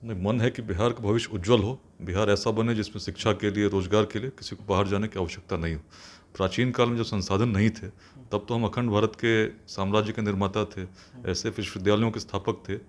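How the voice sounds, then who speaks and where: A man from Bihar with a low voice answers interview questions in earnest. He speaks quickly, in a formal, speechlike way. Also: steady tone. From India, Bihar. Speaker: guest, police officer.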